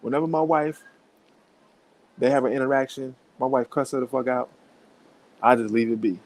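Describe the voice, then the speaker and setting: A man's voice: medium pitch, steady tone, moderate pace, rough recording. A man telling a story to camera at home, casually and profanely, often laughing and talking straight to his viewers. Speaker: vlogger. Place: at home with his young son.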